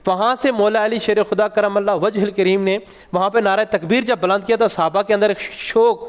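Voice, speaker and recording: A man tells a religious tale in a high, ringing voice, lifting his pitch on the key moments. His words trail into a long hall reverb. He sounds like a studio preacher setting out a story for viewers. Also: steady tone, smooth. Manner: emphatic, rising for key points. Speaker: religious speaker on a Ramzan show. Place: TV studio set.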